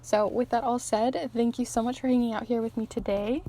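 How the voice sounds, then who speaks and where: A woman who is losing her voice gives an easygoing, chatty tarot reading to her viewers, with soft laughs between phrases. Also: fairly high pitch, steady tone, fairly quick. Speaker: tarot reader and channel host. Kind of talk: pick-a-card tarot reading to camera.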